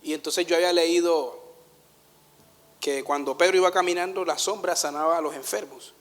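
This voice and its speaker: A man preaching a sermon, telling personal stories in an animated way, laughing at himself and dropping to a hush in tender moments. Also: a little high, normal speed, in a large hall. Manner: animated storytelling, laughs at himself, swings from loud to hushed. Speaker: pastor.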